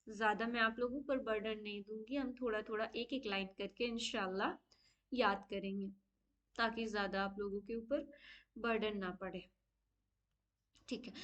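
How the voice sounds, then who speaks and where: A woman with a high voice gives a patient online recitation lesson and walks through each rule step by step. The audio is slightly dull and lo-fi. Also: fairly bright tone. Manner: patient, explains step by step, often says okay; slow drawn-out chanted Arabic recitation. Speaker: Quran recitation teacher.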